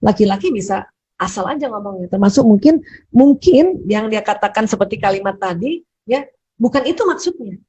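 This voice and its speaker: A woman speaker answering audience questions in a gentle, conversational advice talk, often repeating words and adding little tag words. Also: mid-range voice, animated, moderate pace, husky, muffled recording.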